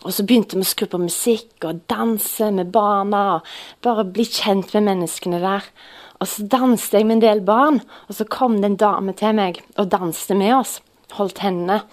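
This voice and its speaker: A woman's voice: mid-range voice, darkish tone. Woman preacher, earnest storyteller, mid-range voice, some hesitations. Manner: earnest, storytelling, frequent filler sounds. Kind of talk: sermon with personal testimony.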